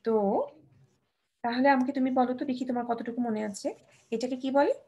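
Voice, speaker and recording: A young woman teaching Bangla letters to a child, patiently sounding out words slowly and mixing in English terms. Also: high-pitched, steady tone, mellow, lo-fi sound. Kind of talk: children's language lesson.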